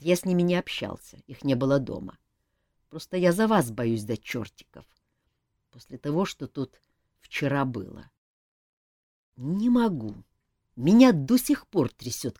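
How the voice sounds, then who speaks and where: A woman reading an audiobook, voicing a lively, cheeky young male court jester who teases and pleads. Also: very deep voice, measured pace, pauses often, no room sound, studio quality, pitched below the performer's own voice, full character voice. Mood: pleading. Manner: animated, teasing, pleading.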